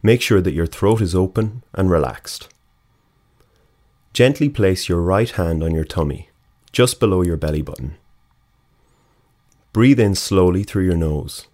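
A man leading a guided breathing exercise, talking in a slow, calm, measured way and counting breaths aloud. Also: low voice. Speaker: breathing instructor.

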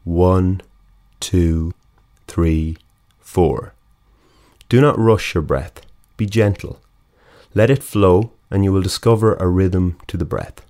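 A man leading a guided breathing exercise, talking in a slow, calm, measured way and counting breaths aloud. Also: deep voice. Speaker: breathing instructor.

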